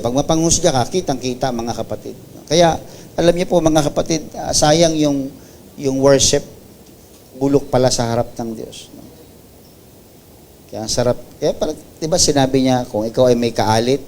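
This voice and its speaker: A man with a Filipino accent preaching a sermon, building to loud, high emphasis and then dropping soft and low, mixing English phrases into his preaching. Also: slight background noise. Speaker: pastor. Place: church service.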